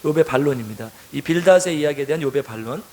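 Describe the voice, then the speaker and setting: Brief: male pastor, fairly high voice, slow scripture reading, chatty explanations. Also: lively intonation, a little mellow. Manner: reads scripture slowly, then paraphrases in casual speech; asks the congregation direct questions. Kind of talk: sermon.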